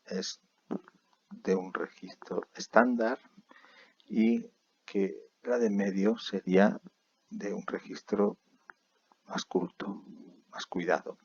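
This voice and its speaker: A man teaching a recorded video lesson, explaining patiently and reading examples slowly and clearly. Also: deep voice, darkish tone, dull audio.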